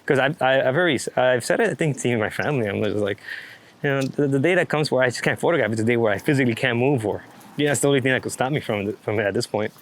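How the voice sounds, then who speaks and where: A mid-range male voice comes through very fast. He's a street photographer being interviewed, chatting casually and rambling with plenty of swearing about his work behind the camera.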